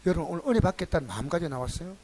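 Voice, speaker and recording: A man with a slightly high voice preaches very fast as a pastor, his Korean carrying a Gyeongsang accent. He entertains his congregation with folksy, animated stories.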